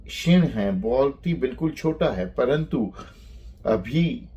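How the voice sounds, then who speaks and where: A man teaching a lecture on phonetics, speaking deliberately and spelling out sounds one by one. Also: medium pitch, expressive, dark tone, highs cut off.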